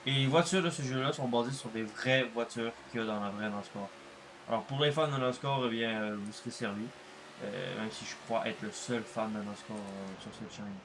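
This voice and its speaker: A man's voice: on the low side, moderate pace, noisy background. A man giving casual gameplay commentary, rambling with lots of fillers and crude swearing. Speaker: gaming youtuber.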